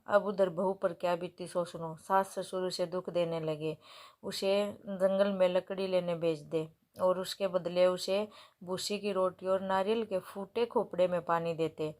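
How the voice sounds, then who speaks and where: A woman narrating a devotional fasting story as a storyteller, in a steady, even reading. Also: fairly low pitch.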